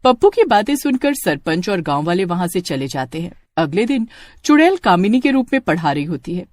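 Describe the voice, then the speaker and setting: Steady dramatic story narrator. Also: medium pitch, fairly quick, dry recording. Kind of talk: scripted cartoon story narration.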